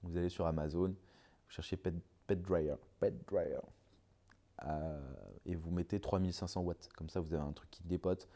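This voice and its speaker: A man talks casually to his viewers in a low, mellow voice. He stops and restarts often, filling pauses as he explains things. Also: fairly even intonation. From France. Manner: hesitant, many fillers and restarts. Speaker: car detailing YouTuber. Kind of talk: casual vlog Q&A.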